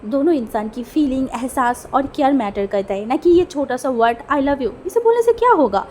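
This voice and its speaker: A woman voicing a lively young man longing for love, earnest and musing aloud in a storytelling fan fiction reading, with faint music behind her. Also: high voice, moderate pace, slight background noise.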